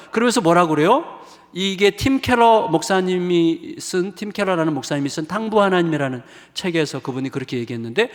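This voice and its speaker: A middle-aged male pastor preaching a revival sermon with emphasis, rising to exclamations and dropping to hushed asides. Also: sits high. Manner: emphatic, swings between raised exclamations and hushed asides, acts out quoted voices. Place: church sanctuary. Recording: long reverb of a church hall.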